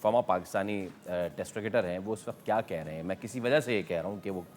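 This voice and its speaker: A man's voice: low voice, fast, darkish tone, soft background music. A man hosting a studio cricket panel, speaking Urdu with a Pakistani accent and mixing in English phrases, laughing often. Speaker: show host.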